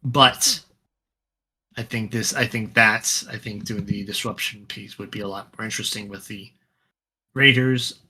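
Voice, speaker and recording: Bright-voiced man in casual chat. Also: on the low side, a little slow, husky. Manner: relaxed, rambling, many fillers and restarts. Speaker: podcast co-host. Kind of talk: casual chat about a tabletop wargame.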